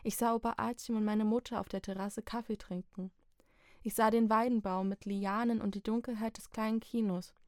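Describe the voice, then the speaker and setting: A woman's voice: fairly high pitch, fairly even intonation, a little mellow, dry recording. Woman reading a story, dry studio sound. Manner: measured, reflective storytelling. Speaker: audiobook narrator. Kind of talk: scripted first-person narration.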